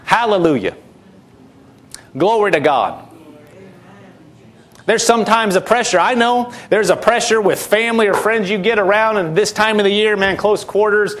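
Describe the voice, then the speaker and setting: A man's voice: sits high, animated, normal speed, long pauses, a bit bright. A man preaching a sermon, fervent and repetitive, with frequent hallelujahs.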